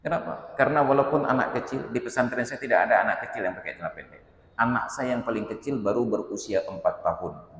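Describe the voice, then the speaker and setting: A man with an Acehnese accent preaches a stern, emphatic sermon and makes his points through stories. His voice sits very low, and the room around him rings with echo. A long reverberant tail trails each phrase. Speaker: Islamic preacher. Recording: echoey reverberant hall.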